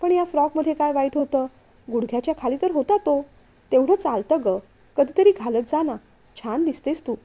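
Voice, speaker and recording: A woman reads out a young husband who teases and coaxes his shy wife. The voice stays high and mellow, with an easy storybook tone. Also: expressive, moderate pace. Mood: coaxing. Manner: teasing, coaxing. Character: affectionate playful young husband. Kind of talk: storytelling read-aloud.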